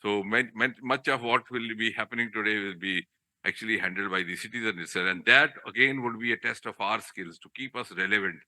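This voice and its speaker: An older man with an Indian accent gives a podium speech as chief guest, in a discursive, halting manner with rhetorical questions. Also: fairly low pitch, sharp tone, no room sound. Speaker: chief guest speaker, public official. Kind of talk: podium speech to trainees in a hall. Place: auditorium hall, live address.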